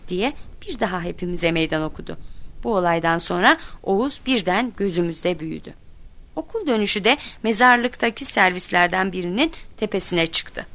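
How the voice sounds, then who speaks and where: Woman, lowish voice, storybook narrator, lively quoted voices. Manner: lively, voices quoted children and teachers with raised pitch. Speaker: narrator reading a children's book.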